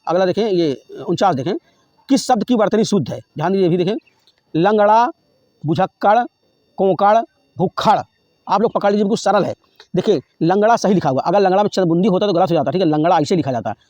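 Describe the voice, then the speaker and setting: A male Hindi grammar teacher giving an exam-prep lesson, who drills spellings over and over, keeps checking in with his students, and often clears his throat. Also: sits high, expressive, racing, warm tone, no echo. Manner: repetitive, drills spellings and says "ठीक है" often.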